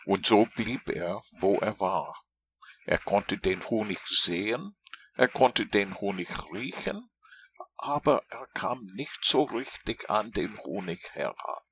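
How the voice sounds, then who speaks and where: A man reading a storybook aloud in a gentle, lilting storytelling manner. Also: lowish voice, animated, slow, a little hiss or hum.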